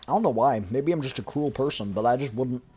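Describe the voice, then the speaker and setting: A man's voice: mid-range voice, quick pace, mellow, breathy edge, faint music behind. A young man streaming games, chatting casually and rambling with many fillers. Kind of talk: casual gaming chat.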